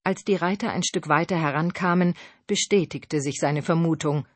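Narrator for a historical audiobook, even and measured, recorded dry and close. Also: medium pitch, slightly rough, no echo.

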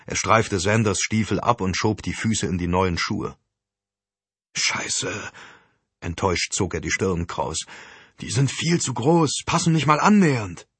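A man narrating an audiobook in a very low, husky voice. He tells the story in a steady, measured way. The recording is dry and close, with no room sound. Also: no room sound.

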